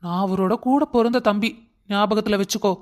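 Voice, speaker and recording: A man voicing a calm, reassuring young husband who explains family matters in a cartoon story. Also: high voice, moderate pace, natural voice.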